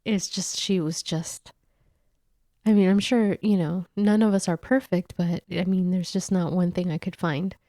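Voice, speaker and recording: A woman's voice: fairly low pitch, steady tone, normal speed, warm tone, dry recording, clean studio sound. A woman hosting a podcast in casual chat, losing her voice, chatty and laughing often as she talks. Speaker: podcast host.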